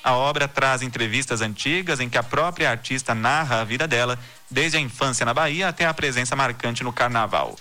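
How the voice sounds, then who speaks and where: Reading the day's stories along with listener messages, this Brazilian news podcast host keeps to a steady, measured newsreader style. His voice is mid-range, and faint music plays behind it.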